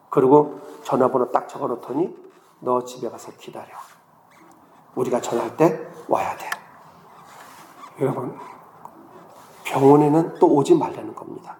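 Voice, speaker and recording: A middle-aged man pastor telling a story in a sermon, shifting between hushed and loud delivery. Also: medium pitch, reverberant, in a large hall, a little hiss or hum. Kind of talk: sermon testimony.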